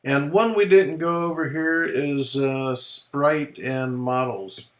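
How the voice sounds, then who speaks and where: A man presenting a software tutorial, explaining features in a relaxed, folksy way as he clicks through them. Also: on the high side, takes it slowly. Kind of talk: screen-recorded software walkthrough.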